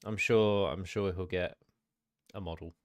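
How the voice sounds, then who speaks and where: A man's voice: deep voice, steady tone, a little slow, crowd noise. A man co-hosting a podcast, chatting casually with dry, teasing humor and frequent swearing. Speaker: podcast co-host. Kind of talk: casual banter.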